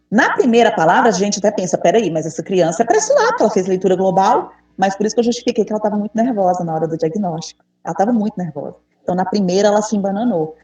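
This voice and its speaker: Woman, brazilian portuguese accent, online teacher trainer, encouraging, mellow tone, echoey room, far from the mic. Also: medium pitch. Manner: patient, encouraging, asks the group questions. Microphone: video call.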